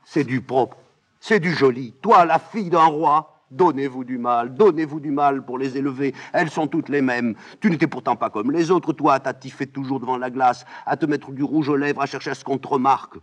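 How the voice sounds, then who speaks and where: A man reading a play aloud, voicing a fussy, scolding old nursemaid in a high raised voice. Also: very animated, brisk, slightly rough. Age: older. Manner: shrill, scolding, exclamatory.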